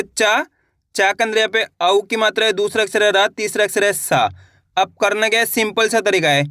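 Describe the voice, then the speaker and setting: Male reading teacher, bright and high, dry close sound, patient syllable-by-syllable delivery. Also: no room sound. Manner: slow syllable-by-syllable sounding out, coaxing viewers to repeat; addresses viewers as friends, asks if it is clear. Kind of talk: online reading lesson.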